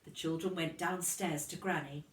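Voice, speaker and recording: Speaking at a moderate pace in a low register, this woman reads a storybook aloud expressively to young children, much as a kindergarten teacher would. She sounds distant from the mic, with a roomy echo around her voice.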